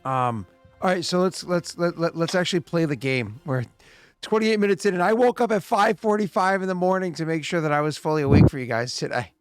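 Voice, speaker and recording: A game master in his late thirties chats casually and narrates the game, explaining rules at length and frequently restarting sentences. His fairly high voice is brisk, clear and resonant, with soft music in the background.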